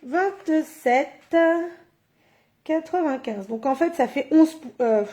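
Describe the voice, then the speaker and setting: Her voice sits high and warm at a normal speed: a middle-aged woman presenting a live card-making session indoors. She's talkative, thinking aloud while she works, and the phone or camera capturing her is mounted on a stand.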